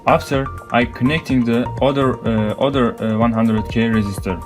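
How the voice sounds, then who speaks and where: A man from Turkey with a Turkish accent, a vocational student haltingly narrating how he assembles a circuit, in broken English. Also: mid-range voice, steady tone. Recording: clear music behind voice.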